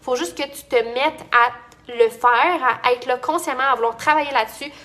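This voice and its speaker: A young woman with a Quebec French accent talks casually and motivationally to her audience of entrepreneurs. Her voice sits a bit high and rings bright. She rambles in a friendly way, with plenty of fillers and restarts. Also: normal speed. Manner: chatty, many fillers and restarts. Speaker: business coach.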